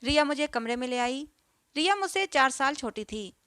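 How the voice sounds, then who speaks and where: A woman's voice: high-pitched, animated, moderate pace, fairly bright tone, smooth, no room sound. A woman narrating a dramatic first-person family story with emotional delivery.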